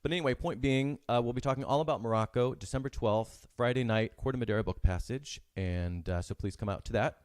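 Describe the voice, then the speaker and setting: A man hosting his own podcast, chatty and upbeat, often pausing with fillers as he signs off. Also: mid-range voice, a little mellow, dry recording, studio quality. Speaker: podcast host and author. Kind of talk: casual live-stream sign-off.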